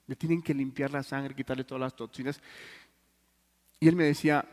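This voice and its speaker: A man preaching a sermon in Mexican Spanish, telling stories earnestly and swinging between loud and hushed. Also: mid-range voice, steady tone, fairly quick. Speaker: pastor. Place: church hall. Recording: long church reverb.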